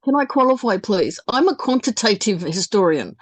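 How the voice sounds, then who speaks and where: A woman historian talking informally in an academic discussion, halting and qualifying what she says. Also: mid-range voice, sing-song. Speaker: historian and researcher.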